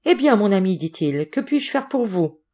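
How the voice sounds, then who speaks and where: A woman's voice: medium pitch, big pitch swings, normal speed, darkish tone, voice pushed up. A woman reading the part of a nervous older male landowner who breaks into startled exclamations. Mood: agitated.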